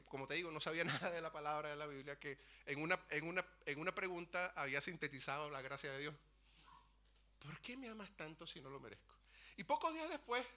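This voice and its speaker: Earnest preacher with a bright voice. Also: male voice, sits high. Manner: earnest, storytelling with many restarts. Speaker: preacher sharing testimony. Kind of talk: sermon testimony. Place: church.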